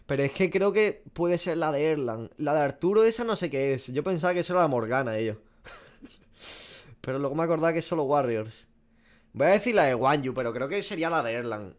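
A young man from Spain, voice slightly high and delivery brisk, guesses game skins on stream from a small room. His Spanish accent comes through as he curses often, jokes at his own expense, and stays lively.

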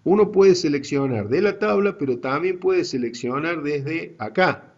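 Docente argentino dando clase virtual, tono pausado y didáctico, voz algo alta, sonido opaco. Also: male voice, on the high side, lively intonation, a little mellow, lo-fi sound. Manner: slow, deliberate explaining to students. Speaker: university GIS teacher. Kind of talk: online class lecture.

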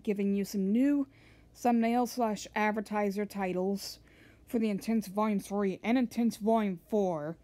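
A woman talking casually about her video thumbnails as she shows them, rambling and excited, often restarting her sentences. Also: medium pitch. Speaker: channel owner showing thumbnails. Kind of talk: casual screen-share narration.

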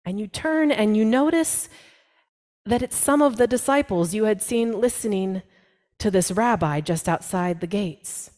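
Woman pastor, storytelling sermon, second-person narration, medium pitch. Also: measured pace, darkish tone. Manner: second-person narration, dramatic voicing of quotes.

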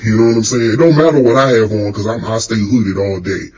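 A man playing a cocky, slangy secret-society boss in a comedy skit, leaving a rambling, casual voicemail in a husky voice. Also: on the low side, quick pace, darkish tone, low-quality recording. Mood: teasing, chummy.

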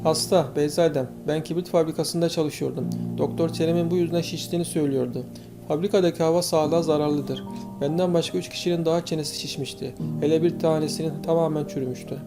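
A man's voice: a little high, steady tone, fast, music in the background, natural voice. A man voicing a meek, sickly young laborer in an audiobook, speaking plainly and resigned.

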